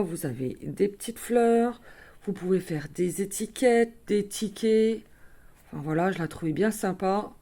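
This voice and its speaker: A woman's voice: mid-range voice, mellow. A woman casually showing her craft purchases to viewers, chatty with many fillers and small self-corrections. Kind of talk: casual show-and-tell.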